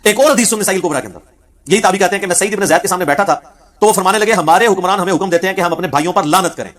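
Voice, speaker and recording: A man giving a religious lecture on hadith, telling the stories vividly and acting out the quoted speech. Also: sits high. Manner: animated storyteller who acts out quoted speech. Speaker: Islamic preacher.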